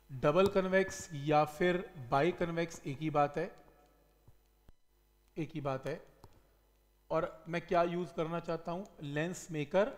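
A middle-aged physics teacher delivers a whiteboard lecture in a classroom studio, speaking in a high voice. He poses a question and answers it himself, landing weight on the key word, while a long reverb trails behind him.

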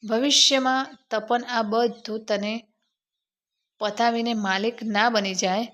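A worried middle-aged mother in a spoken storybook, warning her daughter in a slow, careful, advising way, as a woman narrator reads her. The voice sits a little high. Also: fairly even intonation, fairly bright tone. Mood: cautioning. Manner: cautioning, advising.

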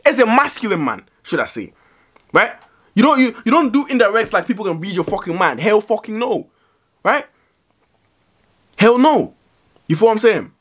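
A young man speaks straight to his viewers in a vlog. His voice sits a little higher than most men's. He is blunt and emphatic, swears freely, and keeps checking in with "right?" and "you know what I'm saying?". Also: very animated, fast, a bit bright, husky. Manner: blunt, profane, emphatic, with frequent "right?" tags. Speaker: vlogger. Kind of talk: direct-to-camera advice vlog.

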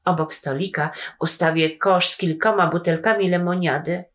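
A woman voicing Radek, a boy brother who builds paper planes and makes big, rapid boastful promises. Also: lowish voice, steady tone, lightly acted.

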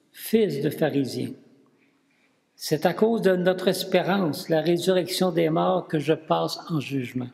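A man reading scripture and the psalm aloud at mass, careful and deliberate. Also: on the high side, creaky, darkish tone. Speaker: lector at mass. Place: church. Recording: church with long reverb.

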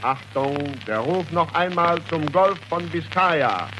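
A man's voice: fairly high pitch, animated, slow pace. A man announcing and calling out stations in a formal live broadcast, heard as an old 1940s radio recording. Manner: calling out stations with repeated commands. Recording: noisy archival radio recording.

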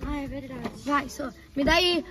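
A woman's voice: high-pitched, moderate pace, a crowd in the background. A young woman with a Brazilian accent chatting playfully and bossily with her siblings inside a parked car. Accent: Brazilian Portuguese. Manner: playful, bossy, exclamatory. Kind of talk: casual chat. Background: background music.

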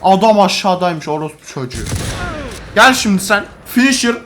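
A young man giving casual, foul-mouthed gaming commentary to a friend, excitable and full of exclamations. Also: sits high, moderate pace, slight background noise. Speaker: gamer recording a co-op video.

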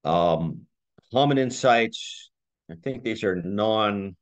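Man giving a relaxed slide lecture. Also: on the low side, slow. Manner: conversational, thinks aloud with restarts and small laughs. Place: community talk room.

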